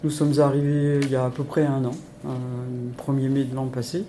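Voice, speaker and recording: A woman in her sixties from Lorraine, introducing herself as a lay volunteer in a radio interview, speaking hesitantly with many pauses. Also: very deep voice, flat delivery, dark tone, a little hiss or hum. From Lorraine, France.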